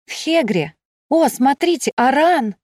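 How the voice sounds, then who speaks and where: A woman voicing a bright, chatty young mother in an audiobook. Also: high-pitched, lively intonation, measured pace, dry recording, clean studio sound, pitched above the performer's own voice. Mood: cheerful.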